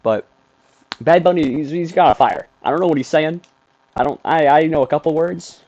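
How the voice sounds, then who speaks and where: A young man casually commentating his football video game from his bedroom, rambling between plays and getting excited over big moments, sounding sleepy. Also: fairly high pitch, moderate pace, muffled recording. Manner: rambling, excitable play-by-play with frequent ums. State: sleepy, yawning. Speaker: gaming streamer.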